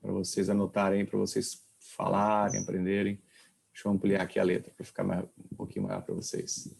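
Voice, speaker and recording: A man's voice: low-pitched, brisk, vocal fry, darkish tone, slight background noise. A male professor giving an informal anatomy lecture, quizzing his students with questions as he explains. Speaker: kinesiology professor.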